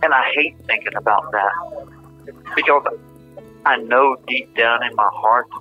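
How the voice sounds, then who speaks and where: A man's voice: mid-range voice, a little slow, dull audio, soft background music. A man, earnestly telling a story in a casual, shy way. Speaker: interviewee, husband.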